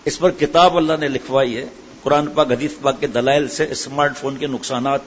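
A man's voice: mid-range voice, fairly even intonation. A middle-aged man preaching a sermon, asking his listeners questions and answering them himself. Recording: hall echo, dull sound, faint ambient noise.

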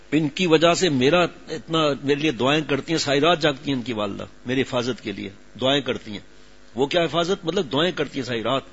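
A man's voice: on the high side, a bit bright, slightly rough. A middle-aged man preaching a sermon, telling stories in an earnest, emotional way and acting out quoted dialogue. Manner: storytelling with acted-out quoted dialogue. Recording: dull lo-fi recording.

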